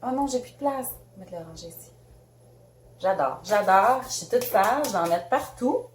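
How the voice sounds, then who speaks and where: A Canadian beauty vlogger with a Québécois French accent unboxes makeup, chatting casually and bubbling with frequent laughter. Her mid-range voice is expressive and moves at normal speed, and the sound is roomy.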